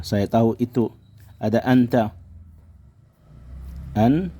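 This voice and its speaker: Slow patient guy explaining a language lesson, kinda warm low-key voice, says everything twice. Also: husky. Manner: patient, repeats words slowly, addresses viewers as friends. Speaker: Arabic teacher.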